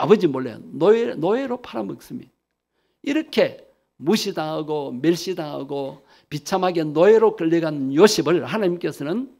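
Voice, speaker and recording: A man's voice: on the high side, gravelly, dark tone. A male pastor preaching a sermon emphatically, leading the congregation in repeating phrases.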